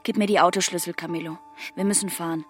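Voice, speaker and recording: Willful haunted young woman, twenties, played by an actress: low-set voice, cryptic, flat delivery, slips into whispers. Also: fast, soft background music, lightly acted. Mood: odd, fixated. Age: 20s. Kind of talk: radio play acting.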